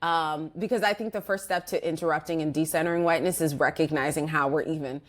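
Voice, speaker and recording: This organizational psychologist, a guest in an interview, has a low-pitched voice and talks fast with fairly even intonation. Her reflective answers come in loose, restarting sentences packed with "like" and "you know."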